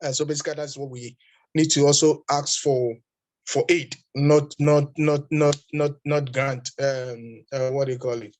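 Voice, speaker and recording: A man's voice: on the high side, fairly even intonation, moderate pace, a little mellow. A man speaking as a panelist in an online discussion, earnest, with fillers and repetitions, over a video call.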